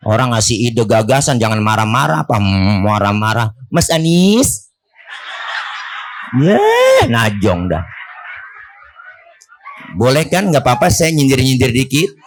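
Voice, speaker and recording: A man's voice: mid-range voice, moderate pace, long pauses, noisy background. Joking Betawi preacher man. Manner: joking, teasing the crowd, colloquial. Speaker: Islamic preacher. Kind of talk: comedic sermon. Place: Prophet's birthday gathering in a village neighborhood.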